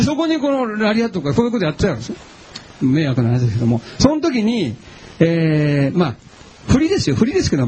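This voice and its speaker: Lively, animated male pastor preaching. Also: high-pitched, a little hiss or hum, rough recording. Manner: chatty and animated, asks the audience questions. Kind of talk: sermon with personal stories.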